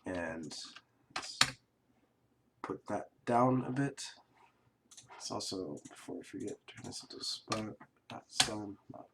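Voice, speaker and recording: A man who is sick and coughing, casually talking through a software tutorial at his computer, rambling and correcting himself with fillers. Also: fairly low pitch, takes it slowly, gravelly, pauses often, very noisy. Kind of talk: casual screen-recorded tutorial.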